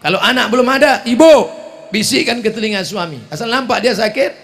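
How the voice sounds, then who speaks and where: A male Islamic preacher giving a humorous sermon, swinging between hushed and shouting. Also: very high voice, animated, brisk.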